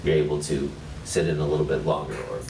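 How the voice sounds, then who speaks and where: A man with a low voice shares tips casually with viewers. His delivery is halting and cautionary. The mic is some way off, with clear noise around him. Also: level tone. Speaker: guest sharing challenge tips. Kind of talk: casual chat to camera. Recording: distant mic, echoey, noisy surroundings.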